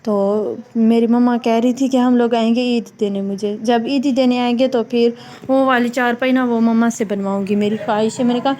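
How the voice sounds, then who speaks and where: A young mother talks through a casual home vlog in a rather high, mellow voice. She rambles easily from one thing to the next and slips into a sing-song coo when she speaks to her baby. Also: steady tone, slight background noise. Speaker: family vlogger, mother of a small child.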